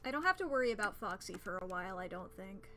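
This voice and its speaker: A woman's voice: medium pitch, big pitch swings, quick pace, pushed and bright, a little hiss or hum. A woman doing live commentary on a horror game as a streamer, complaining and swearing freely as she plays. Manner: profane, complaining, ranting.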